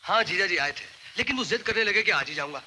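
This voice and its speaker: A man's voice: high-pitched, lively intonation, quick pace, very noisy. An actor playing a tender, stubborn young man who pleads with and teases a grieving woman, in 1980s Hindi film style. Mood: coaxing. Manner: pleading then coaxing and teasing. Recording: film soundtrack with music beneath.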